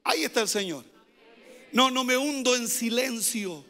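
A male pastor with a very high, bright, forceful voice preaches a sermon. He hammers his points by repeating phrases and at times rises to shouted pleas. The sound carries a long reverb from a church hall. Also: expressive, normal speed, soft background music.

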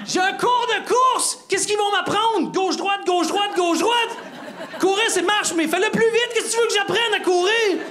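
A man voicing his exasperated brother-in-law in his forties, ranting indignantly on stage and often shouting in a much higher voice. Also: big pitch swings, normal speed. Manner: shrill, indignant, shouting rants.

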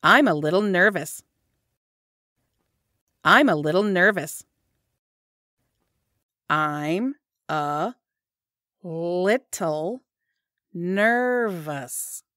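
A woman's voice: fairly low pitch, lively intonation, very slow, long pauses, pushed and bright, no echo, clean studio sound. A woman teaching English phrases, saying each one whole, then word by word. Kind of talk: slow repeated phrase drilling.

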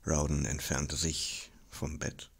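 A man reading a fantasy novel aloud as a dramatic audiobook narration, expressive and dropping into whispers at tense moments. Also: very deep voice, slow pace, vocal fry, breathy edge. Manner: expressive, drops to whispers for tension. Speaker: audiobook reader.

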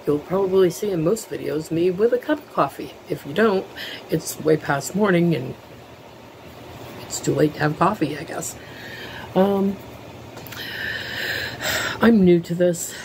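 A woman's voice: sits low, a little mellow, slight background noise, low-quality recording. Middle-aged woman with a lisp. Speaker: vlogger. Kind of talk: casual talk to camera. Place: living room at home, indoors. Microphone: webcam at desk, close framing.

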